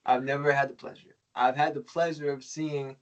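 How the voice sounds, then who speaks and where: A man's voice: fairly high pitch, flat delivery, normal speed, dull audio. A man hosting a casual conversation, talking in a loose, slangy way and often searching for words.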